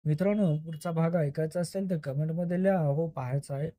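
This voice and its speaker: A man narrating a first-person story in a plain, steady reading voice, now and then correcting himself. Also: fairly high pitch, brisk.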